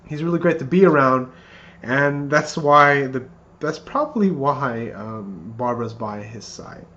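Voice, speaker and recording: A man in his thirties rehearsing a best man's wedding speech in an earnest, somewhat halting way, often repeating phrases. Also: mid-range voice, expressive, pushed and bright. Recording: muffled lo-fi, clear background noise.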